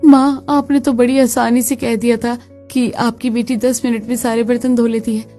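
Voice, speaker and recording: A woman's voice: on the high side, level tone, moderate pace, warm tone, faint music behind, close to an everyday voice. A woman voicing a fed-up young wife in a cartoon, complaining emphatically.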